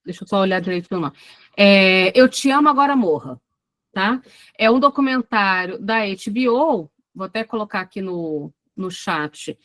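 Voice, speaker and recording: A woman's voice: medium pitch, moderate pace, no room sound. Woman with a Brazilian accent teaching online. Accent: Brazilian Portuguese. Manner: animated, talks to students directly with many asides. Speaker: psychoanalysis lecturer. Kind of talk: online lecture. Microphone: video call.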